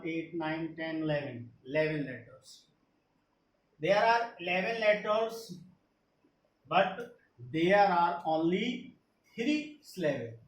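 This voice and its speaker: A man with an Indian English accent, teaching an English grammar lesson slowly, repeating each point. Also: high-pitched. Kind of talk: slow classroom explanation, mixing Hindi and English. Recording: echoey room with faint noise.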